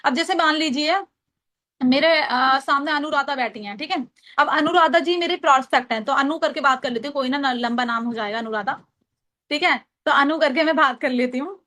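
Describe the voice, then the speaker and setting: High-voiced Hindi woman coaching phone calls. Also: fairly quick, sharp tone. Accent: Hindi, from Agra, Uttar Pradesh. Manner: explains step by step, repeats lines for note-taking. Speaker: trainer teaching call scripts. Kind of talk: casual training talk with role-played calls.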